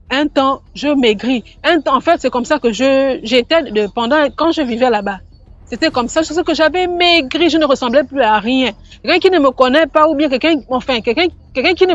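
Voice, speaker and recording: A woman's voice: sits high, no echo. A woman telling a personal mystical experience in a casual, rambling way, often restarting and repeating words. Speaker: storyteller sharing a personal testimony. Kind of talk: casual first-person storytelling. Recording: slightly muffled, faint background music.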